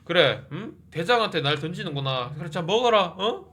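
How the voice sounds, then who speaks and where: A man's voice: sits high, animated, moderate pace, pushed and bright, exaggerated voice. A man voicing a resigned, expendable clone man who whines and pleads. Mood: pleading. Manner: whiny, pleading.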